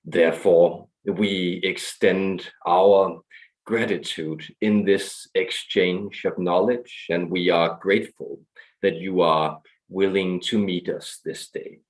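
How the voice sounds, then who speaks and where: A man voicing a solemn, ominous alien star guardian who speaks as a collective in slow, measured, grandiose proclamations. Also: sits low, steady tone, poor audio. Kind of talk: channeled message, formal proclamation.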